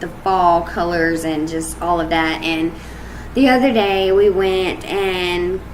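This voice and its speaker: A woman's voice: on the low side, fairly even intonation, takes it slowly, slight background noise, low-quality recording. A woman chatting casually in a couple's vlog, rambling and laughing often. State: hiccups. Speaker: vlog co-host.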